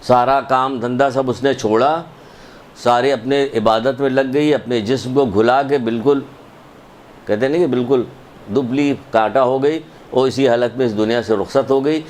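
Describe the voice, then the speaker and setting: A man's voice: medium pitch, steady tone, darkish tone. Emphatic man preaching a sermon. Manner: emphatic, repetitive, rhetorical questions. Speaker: religious lecturer. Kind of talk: sermon with storytelling.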